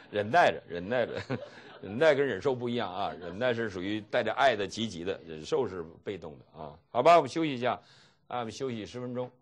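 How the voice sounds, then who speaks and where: Lecturing to a seminary class, this middle-aged man from mainland China, a pastor, brings his stories to life by performing the dialogue and chuckling along the way. He speaks at a normal speed in a mid-range voice.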